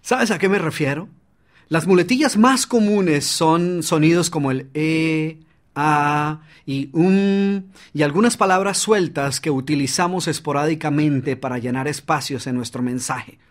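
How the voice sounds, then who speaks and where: A man's voice: fairly high pitch, normal speed. A man narrating his own audiobook on public speaking, coaching the listener directly and demonstrating shifts in volume and pace.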